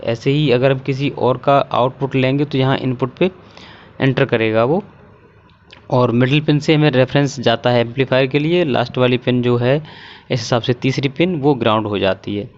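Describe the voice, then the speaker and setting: A man presenting an electronics tutorial, walking through a circuit diagram step by step in a patient way with many filler pauses. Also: medium pitch, a little mellow, lo-fi sound.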